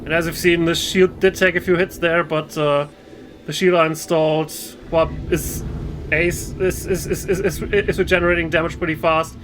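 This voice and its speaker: A man's voice: fairly high pitch, steady tone, moderate pace, a bit bright, a little hiss or hum. A man casually commenting on his own gameplay, rambling and hesitant with frequent restarts. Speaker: gaming video host. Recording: game music clearly behind voice.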